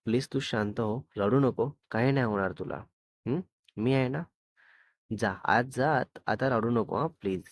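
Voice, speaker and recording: A man voicing a friendly young college guy in a spoken storybook, gentle and coaxing. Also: mid-range voice, unhurried, no echo, studio quality, close to an everyday voice. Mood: reassuring.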